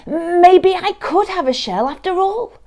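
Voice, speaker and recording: A woman's voice: very high-pitched, animated, very slow, voice pushed up, exaggerated voice. A woman voicing a dreamy, enthusiastic little male slug in a children's storybook, with wide-eyed exclamations. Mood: wistful, hopeful. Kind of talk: children's picture-book character voice.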